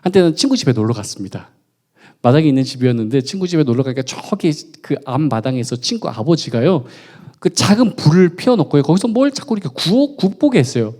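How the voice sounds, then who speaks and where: A fast-talking pastor with a somewhat high, sing-song, slightly mellow voice preaches to his congregation at a midweek service. Hailing from Gunwi, North Gyeongsang, South Korea, he's playful and chatty, teasing the audience with jokes and questions.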